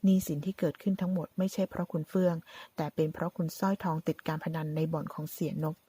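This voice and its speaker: A woman tells a drama story in a steady, even reading. Her voice is husky and mellow, a little low. The sound is dry and close. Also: fast, dry recording. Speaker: narrator.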